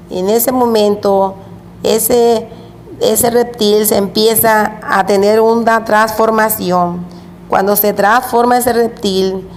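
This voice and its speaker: Woman preacher, unhurried testimony of a vision, long hall reverb, faint hiss. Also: mid-range voice, darkish tone. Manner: slow, repetitive storytelling with recurring phrases. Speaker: preacher recounting a revelation. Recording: echoey hall with faint background noise.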